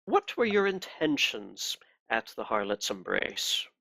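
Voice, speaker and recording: A man's voice: mid-range voice, huge pitch swings, a little slow, vocal fry, sharp tone, voice pushed down, heavily acted. Man voicing a coolly courteous, menacing Inquisitor, lilting. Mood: politely probing. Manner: coolly formal, courteous, interrogating. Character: softly polite, menacing Inquisitor questioning a bound prisoner.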